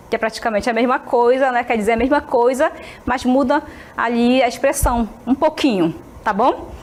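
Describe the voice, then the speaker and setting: A woman teacher with a fairly high voice gives a televised English lesson. She talks in a friendly way, keeps checking in with her students, and slows down to model each phrase carefully. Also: a little hiss or hum. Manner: friendly, checks in constantly with short tags.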